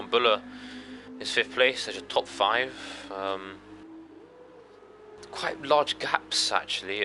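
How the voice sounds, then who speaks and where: A man giving casual live commentary on an online racing league, chatty and jokey, with sudden rises in excitement. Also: lowish voice, background noise. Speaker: race commentator.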